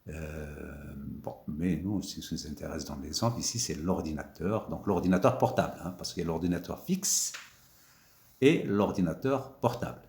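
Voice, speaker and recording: A man's voice: extremely low pitch, moderate pace, creaky, darkish tone, reverberant. A man teaching French grammar, repeating key words with emphatic rises and mixing in Arabic glosses. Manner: switches between French and Moroccan Arabic glosses. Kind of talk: grammar lesson explaining examples.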